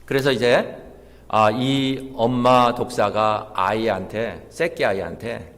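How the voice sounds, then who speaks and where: A male pastor of middling pitch delivers a sermon in a church sanctuary. He tells stories and builds to emphatic peaks. A long hall reverb rings after his words. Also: steady tone, slow pace, fairly bright tone. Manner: storytelling, emphatic build-ups.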